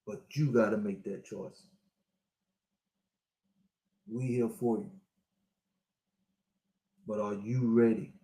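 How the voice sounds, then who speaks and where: A man's voice: on the low side, steady tone, takes it slowly, long pauses, dark tone, reverberant. A man in his sixties giving a preachy, repetitive motivational talk to his online viewers as a spiritual life coach. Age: 60s.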